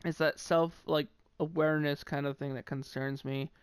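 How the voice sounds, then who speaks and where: A man's voice: a little high, level tone, moderate pace, smooth, dry recording. A man with a New England accent giving casual, opinionated sports commentary on his own, rambling and restarting sentences as he goes. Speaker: sports commentator ranking football teams.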